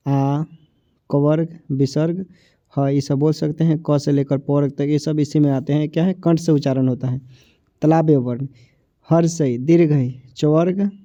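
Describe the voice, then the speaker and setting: A man's voice: a little high, warm tone, no room sound. A man with a Hindi accent from Bihar, teaching a grammar lesson for exam prep. He asks questions and answers them himself, and he stretches out each sound as he says it. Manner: repetitive, asks and answers his own questions; drags out sounds when saying them. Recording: dull, dry, lo-fi voice recording.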